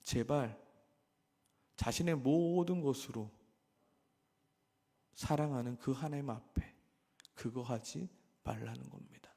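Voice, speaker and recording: A man preaching a sermon with passion, asking his listeners question after question and swinging from loud emphatic peaks to hushed low passages. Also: slow pace, long pauses, in a large hall. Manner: rhetorical questions to the congregation. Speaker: pastor.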